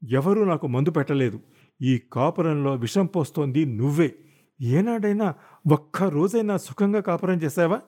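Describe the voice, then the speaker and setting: A man voicing an exasperated, worn-out husband who snaps back in sharp, defensive retorts in an audiobook. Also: fairly high pitch, animated, moderate pace, pitched above the performer's own voice. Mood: shouting. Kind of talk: audiobook character voice.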